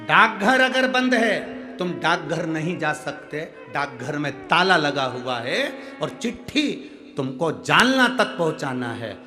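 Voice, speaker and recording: Middle-aged preacher man, bright higher voice, soft music behind, keeps calling on the crowd. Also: sing-song, a little slow. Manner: calls out to the audience for responses, emphatic. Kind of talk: devotional sermon to a large crowd.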